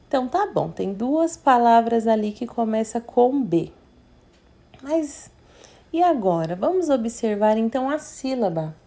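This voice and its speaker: A woman teacher, talking young children through a reading worksheet slowly and patiently, sounding out syllables. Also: fairly high pitch, warm tone. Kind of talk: remote literacy lesson for young children.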